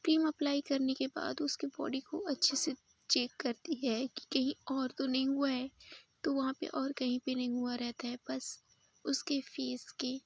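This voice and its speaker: A woman telling a romance story in a hushed, often whispered, unhurried way, close to the mic. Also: sits high, level tone, no echo.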